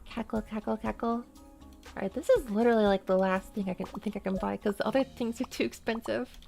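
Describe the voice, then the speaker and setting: A woman VTuber chats her way through a game stream, rambling casually and saying "like" a lot. Her mid-range voice is a bit fast, gravelly, and darkish in tone, and faint music can be heard in the background.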